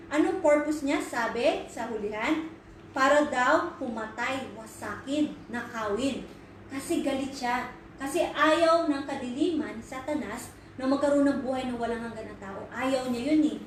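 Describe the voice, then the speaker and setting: A woman's voice: high voice, a little hiss or hum. A woman giving an earnest sermon, switching between English and Filipino and asking rhetorical questions. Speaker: Bible study speaker. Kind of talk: Taglish sermon. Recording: very echoey room, voice far from mic.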